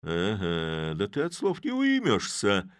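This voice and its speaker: Brief: man playing a hot-tempered young smith, gruff and loud, dry close sound. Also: on the low side, huge pitch swings, slow pace, no echo, heavily acted. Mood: stern. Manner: shouting gruffly. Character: angry, stern young village blacksmith.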